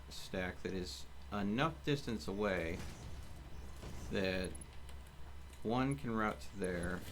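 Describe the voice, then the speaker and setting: Muttering and thinking out loud, a man streams gameplay with casual live commentary. His voice sits low with a fairly bright tone, and there's clear background noise.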